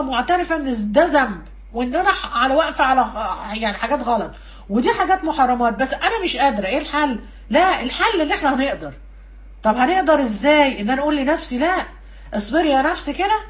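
A woman with an Egyptian Arabic accent giving a religious lesson, acting out imagined inner voices as she talks. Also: sits high. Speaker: religious preacher.

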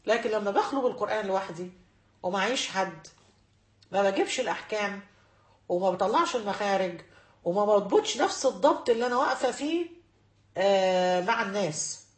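A woman's voice: mid-range voice, lively intonation, brisk, long pauses, reverberant. A woman with an Egyptian accent giving a religious lesson to women, emphatic and repeating key phrases to drive them home. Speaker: religious teacher.

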